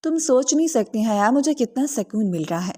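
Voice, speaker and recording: A woman's voice: a little high, lively intonation, warm tone. Possessive young lover, earnest and insistent, read by a woman narrator. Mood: intense pleading. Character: possessive young man, intense, pleading lover.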